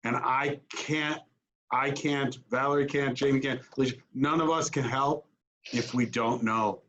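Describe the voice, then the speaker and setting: A man's voice: medium pitch, fairly even intonation, a bit bright, slight background noise. A man speaking earnestly as a talent agent in a town hall on a video call, often restarting his sentences. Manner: earnest, halting, many restarts. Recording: dull lo-fi video call audio.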